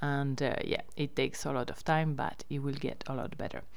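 Female host, deep clean tone, informal update delivery. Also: fairly even intonation, moderate pace, vocal fry. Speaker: host running a riverside lodge and campsite. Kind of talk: casual spoken news update.

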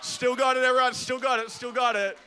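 A young man preaching a lively youth sermon, getting the crowd to repeat words after him. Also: very high-pitched, brisk, noisy background. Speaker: youth pastor.

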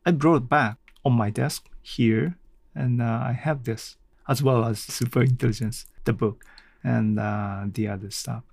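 Hosting a casual solo audio blog, a man with a medium-pitched, darkish voice with a creaky, gravelly edge takes his time over each phrase. His tone stays steady but he is halting and hesitant, often searching for words, and the recording is dry with very little room sound.

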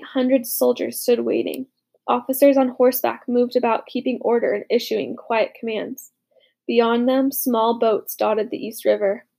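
A woman narrating a war story as a young soldier, with dramatic, hushed, urgent delivery in the dialogue. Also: on the high side, gravelly. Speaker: narrator voicing a boy soldier. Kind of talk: audiobook narration.

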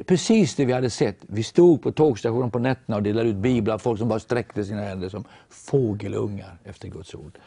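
Gravelly Norwegian man telling a story. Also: on the low side, dry recording. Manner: animated storytelling, voices others in quotes. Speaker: guest storyteller.

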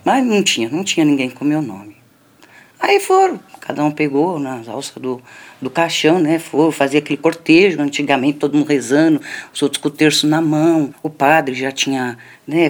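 Older woman, storyteller, low-pitched voice, chatty, frequent tag questions, speaks to the audience. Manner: conversational, lots of "né" tags, addresses listeners. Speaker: storyteller recounting a childhood memory. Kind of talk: personal storytelling. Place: community center.

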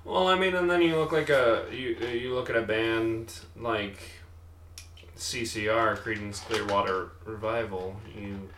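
A man with a lowish voice talks slowly and unhurriedly in casual conversation. He rambles, laughs a lot and leaves sentences hanging. The room around him is noticeably echoey. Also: fairly bright tone, slight background noise. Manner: rambling, laughs often, trails off mid-sentence. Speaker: podcast co-host. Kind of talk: casual chat.

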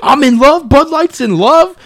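A man playing a drunk carefree young guy, very high pitch, loud, slow drawn-out words. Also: animated, exaggerated voice. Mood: giddy drunk.

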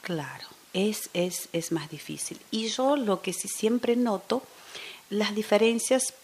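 A woman guest, a teacher, talking through an interview in a thoughtful way and often dropping into soft near-whispers. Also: medium pitch, slow, a little hiss or hum. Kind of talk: casual interview chat.

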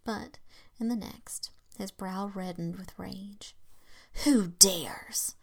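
A woman reading a classic tale aloud in a hushed, half-whispered voice, with slow, dramatic phrasing and occasional slips. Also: medium pitch, fairly even intonation, vocal fry. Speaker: reader.

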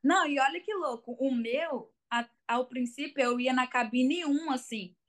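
A woman's voice: high voice, normal speed. A young Brazilian woman with a Brazilian Portuguese accent, chatting casually as an interview guest and telling her story with lots of fillers. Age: young adult. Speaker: guest, college soccer player.

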